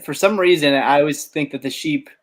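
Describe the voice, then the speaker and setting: A man hosting a casual farm chat, friendly and animated as he talks. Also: a little high, brisk.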